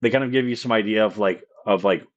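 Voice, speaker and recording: Rambling low-voiced male game master. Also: dull audio. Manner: rambling, halting, many fillers. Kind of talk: live-streamed tabletop game narration.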